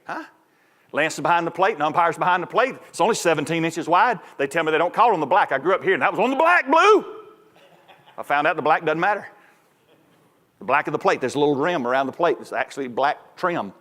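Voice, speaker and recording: A man preaching a sermon as pastor, moving from folksy storytelling into loud, fervent preaching. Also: on the high side. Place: large church sanctuary. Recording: reverberant church hall.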